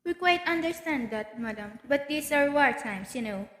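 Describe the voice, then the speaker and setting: An unruffled hospital receptionist in a radio drama acted by a woman. She is formal, polite and officious, with a high-pitched voice. The amateur recording rings with echo and long reverb. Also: animated, normal speed, fairly bright tone. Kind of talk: amateur school radio play acting. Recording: echoey hall-like reverberant recording.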